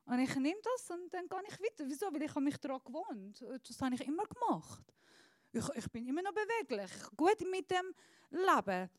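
A woman with a high, bright voice preaches a sermon, speaking slowly and deliberately with pauses. She swings from hushed, soft phrases to loud, emphatic appeals. The handheld microphone sounds close and dry. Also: sing-song, dry recording.

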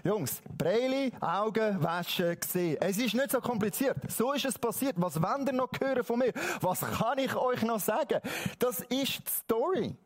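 A man's voice: sits high, normal speed, a little mellow. A man playing a fed-up healed blind man. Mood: exasperated. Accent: Swiss German. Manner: colloquial, mocking, exasperated. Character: formerly blind young man, cheeky and fed up.

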